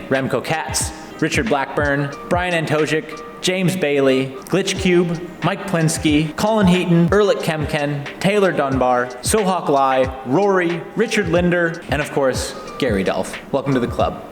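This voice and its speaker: A man's voice: fairly high pitch, expressive, a little slow, reverberant. A man hosting, talking in a casual, chatty style. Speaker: host. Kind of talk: casual chat and announcements. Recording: background music under the voice.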